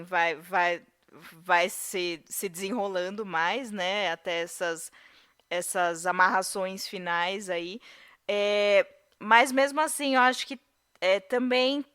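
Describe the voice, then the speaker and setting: Bright clear-voiced Brazilian woman. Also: on the high side. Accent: Brazilian Portuguese. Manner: hesitant, many fillers and restarts. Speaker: podcast guest. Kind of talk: casual film discussion.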